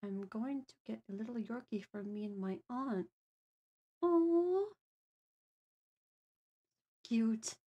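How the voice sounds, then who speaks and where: A woman's voice: fairly high pitch, takes it slowly, long pauses, highs cut off. A woman co-hosting a live stream, chatting casually and reading viewer messages aloud. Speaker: streamer co-host.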